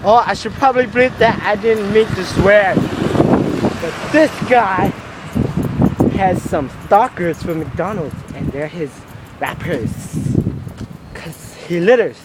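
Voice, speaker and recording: A man's voice: sits high, takes it slowly. A goofy, joking, sweary young man chatting casually for an outdoor vlog, with wind on the mic. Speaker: vlogger. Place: outdoors on a windy street. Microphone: handheld camera at arm's length. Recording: loud wind noise on mic.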